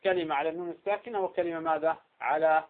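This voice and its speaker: A man teaching Quran recitation rules, slowly repeating each example word and posing questions to his students. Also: a little high, steady tone. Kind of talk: tajweed lesson with slow recited examples. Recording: tinny phone-like audio.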